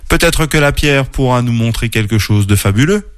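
A man voicing a lively, adventurous young male fox in a children's storybook, eager and upbeat. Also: mid-range voice, normal speed, clear, resonant tone, dry recording, studio quality, natural voice. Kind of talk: storybook character voice.

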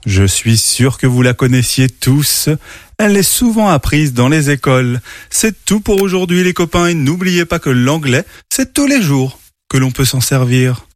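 A man hosting a children's show, teaching English words slowly and telling a storybook tale. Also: mid-range voice, sing-song. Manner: slow, clear, spells out words for kids.

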